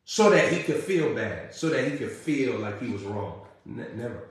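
A man preaching a sermon, building through emphatic repeated questions and then dropping to a low, intimate tone. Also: sing-song, normal speed. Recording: very echoey room.

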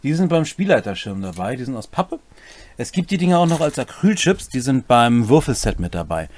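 A man in his forties explains game rules straight to camera, instructive and addressing viewers directly, partly reading from a script. Indoors in a small, cluttered home room, his mid-range, slightly mellow voice swings widely in pitch at a fairly quick pace.

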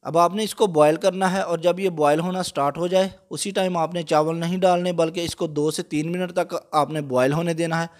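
A man calmly explaining a recipe step by step, patient, with frequent small fillers. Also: a little high, moderate pace, few pauses. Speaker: cooking channel host. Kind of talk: step-by-step cooking instruction.

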